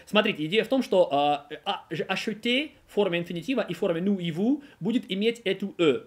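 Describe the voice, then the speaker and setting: A man teaching a French grammar lesson on video, talking in an animated, digressive way with many filler sounds and restarts. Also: high-pitched, fast.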